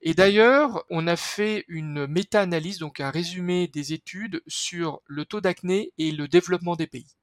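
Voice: medium pitch, normal speed, dry recording, studio quality. A podcast guest explaining skincare research in an enthusiastic, chatty way, full of fillers and restarts.

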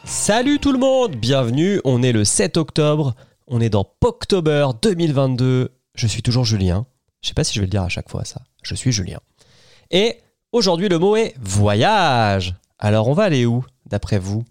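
A man's voice: mid-range voice, expressive, a little fast, a little mellow, no echo. Brief: male podcast host, dry close sound, chatty and enthusiastic, lots of "euh" restarts. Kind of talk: casual podcast recommendation.

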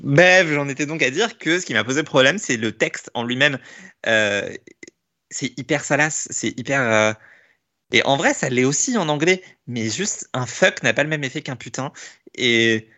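A man hosts a casual podcast chat, his voice bright and forceful. He talks in an animated rush, restarting phrases and filling pauses as he goes. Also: mid-range voice. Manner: animated, many restarts and fillers. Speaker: podcast host.

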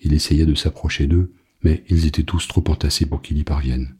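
A man reading a novel aloud as an audiobook narrator, in a grave, measured way. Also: very deep voice, steady tone, mellow, slightly rough.

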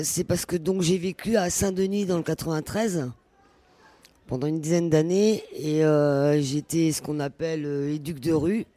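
A woman's voice: low-pitched, dark tone. Woman, former youth worker, earnest storyteller, many restarts, live roundtable talk. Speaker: former street youth worker, panel participant. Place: community venue during a public event.

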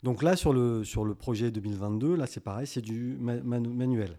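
Un homme qui mène l'entretien sur un ton familier, bavard, ponctuant de brèves relances et riant volontiers. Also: male voice, medium pitch, brisk, warm tone. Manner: chatty, laughs easily, many short backchannels. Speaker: interviewer. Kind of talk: casual interview conversation.

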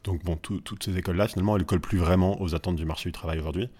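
A man in his twenties, a school founder, speaking as a guest in relaxed interview talk with frequent fillers. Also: deep voice, husky. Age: 20s. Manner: fast, measured, many fillers. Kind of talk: casual interview chat.

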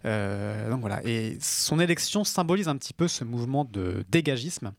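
Male co-host, explains news, hesitant with lots of fillers, mid-pitched, dry studio sound. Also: lively intonation, moderate pace, no room sound. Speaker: podcast co-host. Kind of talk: casual news podcast chat.

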